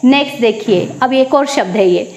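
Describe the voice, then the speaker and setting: A woman teaching English at a board, slowly repeating each word and then answering her own questions. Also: fairly high pitch, a little mellow, echoey room. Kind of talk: classroom lesson. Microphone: teaching at a board with a marker.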